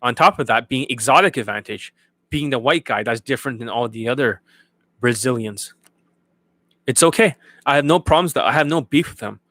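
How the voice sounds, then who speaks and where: Talking briskly at a medium pitch, a man with a slightly bright voice rants bluntly and profanely about dating during an unscripted livestream. He coaches his viewers and often checks that they're following along. The recording is dry.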